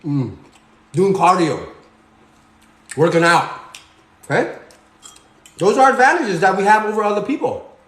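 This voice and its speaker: A man's voice: high voice, expressive, unhurried, long pauses, a bit bright, roomy sound. A man in his forties, born in Cambodia, giving a preachy motivational talk while he cooks, repeating "okay?" and "you guys". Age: 40s. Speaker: fitness vlogger. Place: home kitchen.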